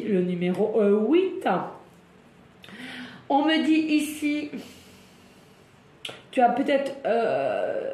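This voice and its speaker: A woman doing a casual card-reading video, chatty and exclamatory, laughing often and slowing down to repeat each message. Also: fairly high pitch, warm tone. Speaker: tarot card reader. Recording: echoey room with faint ambient noise.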